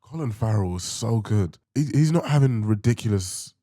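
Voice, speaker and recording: Male reaction host, lowish mellow voice, informal and musing, close dry sound. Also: expressive, normal speed, dry recording. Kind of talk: casual reaction commentary.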